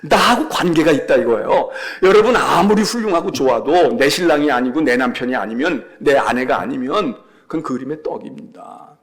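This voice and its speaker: A man's voice: on the high side, animated, normal speed, few pauses. A male senior pastor giving a Sunday sermon in a church, conversational and emphatic, repeating key phrases.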